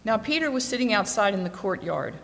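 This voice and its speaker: A woman reads scripture aloud at a steady, clear pace. Her voice sits at an ordinary middle pitch. A long reverb trails behind each phrase. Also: brisk. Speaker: scripture reader. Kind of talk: scripture reading.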